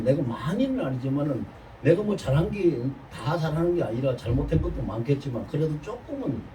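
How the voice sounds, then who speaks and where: 70대 남성 목사의 설교, 온화하고 낮은 음색. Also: male voice, fairly high pitch, dark tone. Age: 70s. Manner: confessional storytelling, earnest. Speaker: pastor. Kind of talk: sermon. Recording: distant mic, faint noise.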